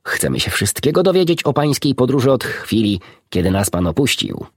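A man voicing an excitable young pig in a storybook reading, high and eager. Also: normal speed, husky, no room sound, studio quality.

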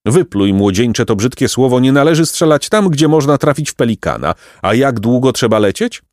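A man's voice: mid-range voice, expressive, normal speed, no room sound, clean studio sound, pitched above the performer's own voice, natural voice. A man voicing a pompous, courtly male pelican who speaks with grand politeness and shrieks. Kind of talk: audiobook character voice.

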